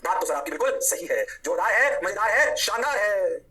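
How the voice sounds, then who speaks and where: A man voicing an eager male student who agrees with his teacher in a sing-song, flattering way. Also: high-pitched, brisk. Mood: agreeable.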